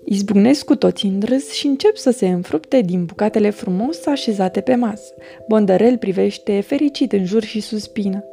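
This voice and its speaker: A woman reading a children's storybook aloud with an expressive, animated delivery. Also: mid-range voice, creaky, soft background music.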